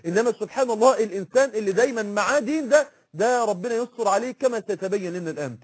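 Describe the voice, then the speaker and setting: Egyptian male preacher, very high husky voice, impassioned, repeats lines for emphasis. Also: rapid-fire, darkish tone. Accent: Egyptian Arabic. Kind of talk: religious lecture.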